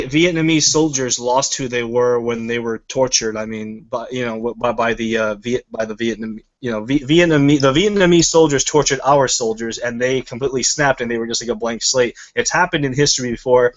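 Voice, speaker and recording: A male show host rambles through a casual review chat, swearing freely the whole way. His mid-range voice holds a fairly even intonation at normal speed with hardly any pauses, heard through a muffled lo-fi recording.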